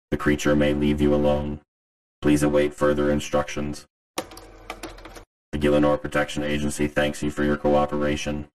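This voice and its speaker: Hijacked-broadcast emergency announcer, played by a man: extremely deep, dead-flat warning read. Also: rough recording. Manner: slow, grave, monotone delivery. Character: stern male emergency announcer cutting into a broadcast. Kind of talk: scripted public warning announcement.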